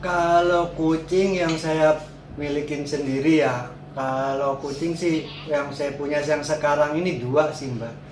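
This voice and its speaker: Being interviewed about his cat boarding and grooming business, this man talks in a slightly high, fairly even voice, a little slowly. His answers are loose and casual, full of repeated words and affirmations, recorded in an echoey space with noticeable background noise.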